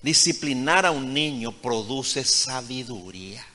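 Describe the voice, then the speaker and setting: Bright-voiced preacher in a reverberant hall. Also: male voice, medium pitch, lively intonation, a little slow. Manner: swings between hushed asides and loud emphatic preaching; retells conversations as acted dialogue. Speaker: pastor. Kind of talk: sermon. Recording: long reverb of a large hall.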